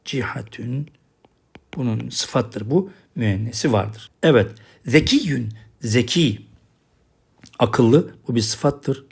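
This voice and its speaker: A man's voice: medium pitch, animated, slow pace, creaky, husky. A man teaching a recorded language lesson, patiently drilling each word and repeating the same checks. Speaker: Arabic teacher.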